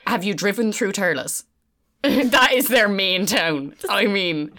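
A woman's voice: mid-range voice, expressive, takes it slowly, pushed and bright. A young woman with a Cork accent co-hosting a podcast, chatting casually in a blunt, teasing way and swearing freely. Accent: Irish, Cork. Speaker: podcast co-host. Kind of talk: casual chat.

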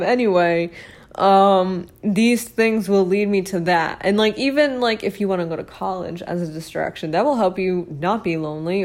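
A young woman hosting a casual solo podcast, rambling with many fillers and self-mocking laughs, her voice hoarse as she is losing it. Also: on the low side, a little mellow. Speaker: podcast host.

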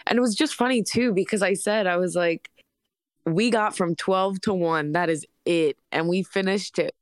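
A woman's voice: fairly low pitch, normal speed, no echo. A woman guest on a casual gaming podcast, a member of the team, who talks in a teasing, playful way.

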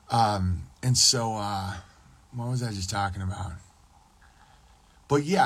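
A man's voice: on the low side, fairly bright tone, slightly rough. A man streaming a casual, rambling monologue, often profane and losing his train of thought. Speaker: podcast streamer.

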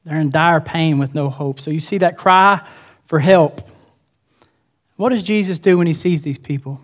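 A man's voice: fairly high pitch, normal speed. A male pastor preaching a sermon in a church, earnest and emphatic, repeating his key phrases.

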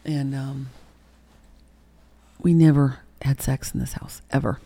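Brief: middle-aged woman, mellow gravelly tone, candid interview guest, emotional, swears, acts out quotes. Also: very deep voice, steady tone, takes it slowly. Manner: emotional, profane, re-enacts quotes with sudden loud bursts.

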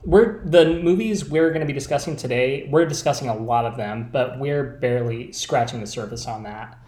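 A man's voice: mid-range voice, normal speed, darkish tone. A man hosting a podcast in casual, conversational style, recorded in an echoey room. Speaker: podcast host. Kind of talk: casual chat. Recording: roomy echo.

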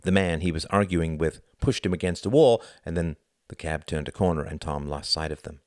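Male audiobook narrator, very low, lively delivery, dry close sound. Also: a little fast, dry recording. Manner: expressive storytelling reading. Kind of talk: scripted narration.

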